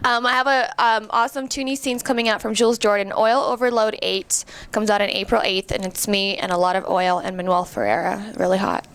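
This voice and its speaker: A woman's voice: mid-range voice, steady tone, brisk, hardly any pauses, clear, resonant tone. A woman from Canada, a guest on a radio studio chat, bubbly and cheeky, laughing often. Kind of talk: casual studio interview chat.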